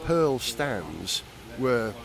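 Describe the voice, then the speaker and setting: A man hosting a podcast, chatting in a lively, jokey way while walking around a large drum warehouse. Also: medium pitch, drawn-out words, vocal fry, crowd noise. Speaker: podcast host. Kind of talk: casual on-location chat.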